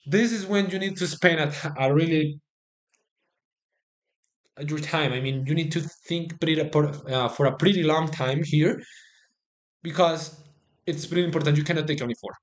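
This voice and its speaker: Excitable man commentating chess, higher-pitched voice. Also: measured pace, long pauses. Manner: excitable, repeats phrases for emphasis. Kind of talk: live informal chess stream commentary.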